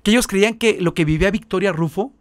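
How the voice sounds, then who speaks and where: Mexican-accented male missionary guest, high-pitched, dry close sound, lively storyteller. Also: quick pace, dry recording. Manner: animated, acts out the voices in his stories. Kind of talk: storytelling in an interview.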